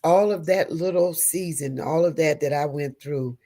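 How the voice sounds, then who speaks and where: Her voice sits low and moves at a moderate pace as this middle-aged woman, a pastor's wife being interviewed, shares a heartfelt personal story. She's earnest and animated, often calling people "honey" and "girl."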